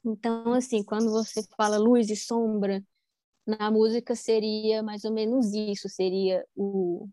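A woman's voice: medium pitch, little pitch movement, measured pace, dark tone, dry recording. Chatty woman with dry sound. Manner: rambling, many fillers and restarts, laughs often. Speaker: musician guest. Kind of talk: casual conversation.

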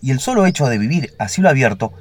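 A man's voice: mid-range voice, very animated, quick pace. A man voicing a young, earnest and somewhat timid male ovenbird in a storybook fable. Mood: reflective.

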